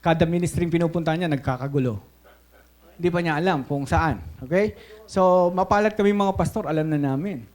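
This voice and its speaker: A Filipino male pastor delivers a lively sermon in a notably high voice. He tells stories with animation, slips between English and Tagalog mid-sentence and keeps asking his congregation "Okay?". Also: fairly quick. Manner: animated storytelling preacher.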